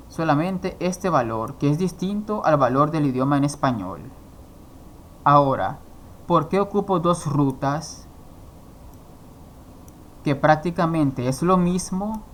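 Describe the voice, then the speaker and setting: A man's voice: a little high, a little hiss or hum. A man teaching a coding course, explaining each step and asking himself questions before answering them. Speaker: programming instructor. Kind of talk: screen-recorded coding tutorial.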